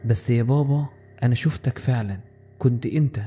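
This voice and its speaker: A man with an Egyptian accent voicing a frightened, innocent little girl in a horror story, speaking softly. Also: mid-range voice, brisk, faint music behind, close to an everyday voice. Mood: scared. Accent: Egyptian Arabic.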